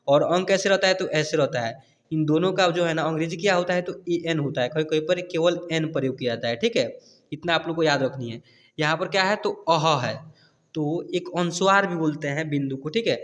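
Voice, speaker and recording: A man gives a patient step-by-step lesson with a fairly high voice. He keeps checking that his pupils have understood. His voice rings with a long reverb. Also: a bit bright. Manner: patient, repeats "clear?" checks. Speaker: teacher. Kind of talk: explaining spelling at a board.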